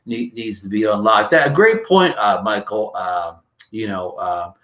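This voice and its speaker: A man's voice: on the low side, animated, a little slow, fairly bright tone. A man from New Jersey hosting a casual livestream, rambling with many fillers and restarts and greeting viewers, his throat dry. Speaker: livestream host.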